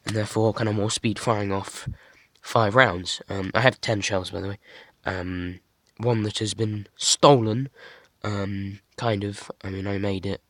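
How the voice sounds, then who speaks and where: A young man casually showing off a toy model he built, talking in a monotone with many fillers and restarts. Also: on the low side, no echo. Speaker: hobby builder showing a model. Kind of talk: casual show-and-tell.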